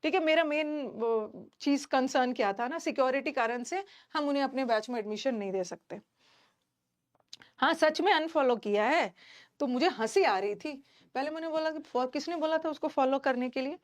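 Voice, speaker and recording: An Indian woman teaching online, talking to her students in a chatty, emphatic way and filling pauses with "theek hai". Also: high-pitched. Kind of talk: casual classroom talk to students.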